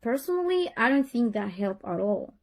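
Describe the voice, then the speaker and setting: On a tense call with a teacher, this middle-aged mother from Honduras speaks with a Honduran Spanish accent, earnest and prone to restarting and repeating her words. Her voice runs fairly high and very animated, at a moderate speed.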